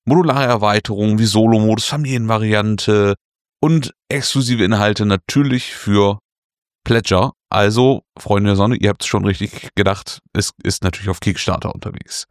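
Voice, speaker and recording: A man's voice: fairly low pitch, moderate pace, dry recording, clean studio sound. A man co-hosting a casual board game news podcast, self-mocking and jokey, laughing at his own slips. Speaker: podcast co-host.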